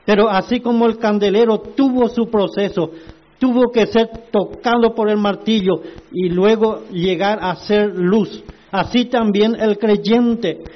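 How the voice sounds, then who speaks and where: A man preaching a sermon, slow and emphatic, asking the congregation rhetorical questions. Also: high-pitched, fairly even intonation, dull audio.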